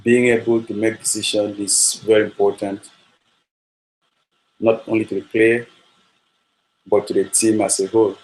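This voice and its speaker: This Nigerian football coach speaks in a low, nearly monotone voice at a steady, measured pace. His coaching talk is full of ums and uhs and keeps looping back to the same points. The recording quality is low.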